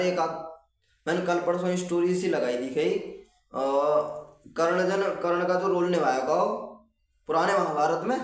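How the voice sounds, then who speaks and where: Chatty man in an echoey room. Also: high-pitched. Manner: chatty, addresses viewers as brother, rambling. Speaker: exam tips video host. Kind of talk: casual exam-prep talk. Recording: echoey room, far from the mic.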